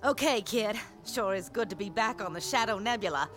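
A woman's voice: medium pitch, expressive, fairly quick, a bit bright, faint music behind, lightly acted. A woman playing a brash, wisecracking star reporter and pilot with snappy old-time slang in a radio drama. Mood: brisk, wry. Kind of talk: retro sci-fi radio drama acting.

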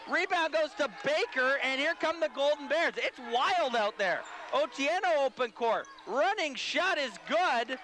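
Man, basketball play-by-play, high voice, excitable, noisy gym behind. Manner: rapid, excitable calling of the action. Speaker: play-by-play commentator.

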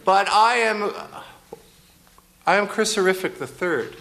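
A performer voicing a boastful male Olympian from the future in a disguised deep voice, slow and pompous, as improvised comedy. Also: gravelly, background noise.

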